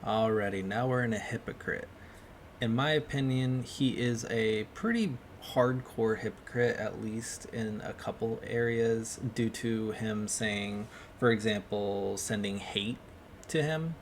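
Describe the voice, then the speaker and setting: A man hosting a commentary video, talking in a measured way and often saying "honestly.". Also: fairly low pitch, a little hiss or hum. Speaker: YouTuber host.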